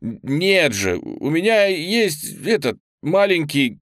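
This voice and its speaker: A man's voice: a little high, big pitch swings, slow pace, fairly bright tone, dry recording, studio quality, voice pushed up, exaggerated voice. A man voicing a clumsy young male cook who stammers and pleads in a flustered way.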